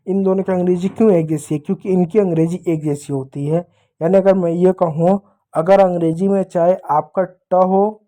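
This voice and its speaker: A man with a mellow, dark voice addresses young pupils patiently. He goes over each point more than once and slows right down to spell letters one at a time. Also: sits high. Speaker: English teacher. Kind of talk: explaining to children.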